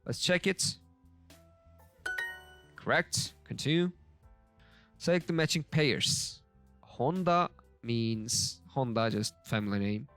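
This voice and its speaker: Slow, halting man thinking aloud. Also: mid-range voice, a bit bright, soft background music. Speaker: language learner teaching a lesson. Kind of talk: casual screen-share lesson commentary.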